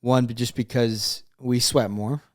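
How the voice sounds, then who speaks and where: An American man with a mid-pitched voice talks casually as a co-host giving dating advice. He is opinionated and plain-spoken, and slips into imagined quotes to make his points. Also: steady tone, slow, dry recording, clean studio sound.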